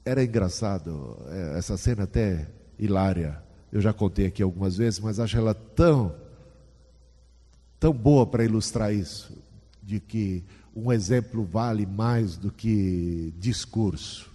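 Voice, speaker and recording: A man gives a sermon, chatting with the congregation and asking them questions. His voice is mellow and a little husky. It rings with the long echo of a church hall. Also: lowish voice, a little slow. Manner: conversational, asks the audience questions. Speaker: preacher.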